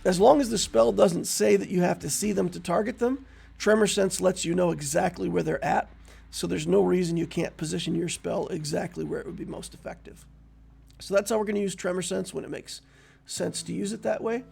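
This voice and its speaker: A man explaining a tabletop role-playing character build in a casual, relaxed, conversational way, with frequent fillers. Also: high-pitched, brisk, creaky, breathy edge. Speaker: tabletop game build creator.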